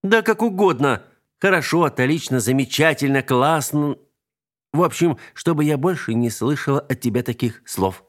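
Brief: harried strict mom, sharp scolding tone, sarcastic, voiced by a male reader. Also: a little high, expressive, moderate pace, pitched above the performer's own voice, close to an everyday voice. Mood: stern. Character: stern irritable young mother.

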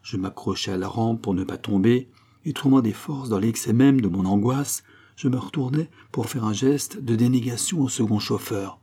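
A man reading a novel aloud in a measured, expressive audiobook narration. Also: medium pitch, slightly rough.

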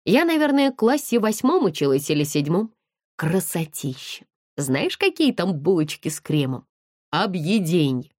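A brash, gossipy young student girl, as a woman reads her out in an audiobook, blunt and teasing with coarse slang. Her pitch leaps up and down constantly. The recording is dry and close, with no room sound. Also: big pitch swings, moderate pace, a little mellow, no echo. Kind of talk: audiobook character voice.

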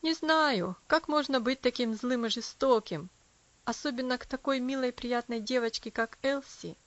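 A woman's voice: on the high side, moderate pace, close to an everyday voice. Woman doing an indignant kind girl. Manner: indignant, earnest. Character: earnest kind-hearted girl. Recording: dull lo-fi audio.

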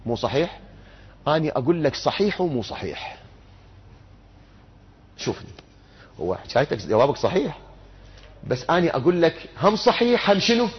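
A man's voice: on the high side, big pitch swings, moderate pace, pauses often, slightly rough. A man giving an interactive religious lecture, putting questions to his audience and answering them himself. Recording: muffled lo-fi recording.

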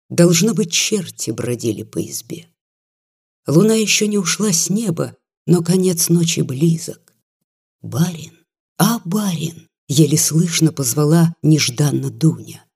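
Slow, husky audiobook narrator. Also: medium pitch, dark tone. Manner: slow, measured, subdued storytelling. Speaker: audiobook reader.

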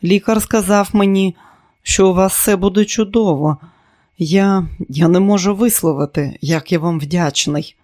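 A man voicing a shy, grateful wealthy man in an audiobook, speaking haltingly and embarrassed. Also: high voice, darkish tone.

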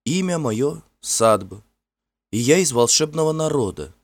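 A man voicing a gentle, frightened young fairy woman who speaks softly and imploringly in a storybook reading. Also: a little high, expressive, measured pace, no echo, voice pushed up. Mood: pleading. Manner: soft, tremulous and imploring.

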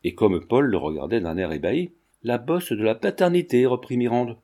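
Man, audiobook narrator, measured storytelling, mellow dark voice. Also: medium pitch, expressive. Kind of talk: scripted narration of a classic novel.

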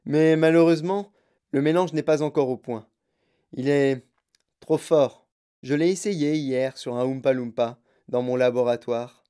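A narrator voicing an excitable, eccentric grown-man candy-maker who talks in boastful, bouncy exclamations. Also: medium pitch, a little slow, smooth, lightly acted. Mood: eager, hurried.

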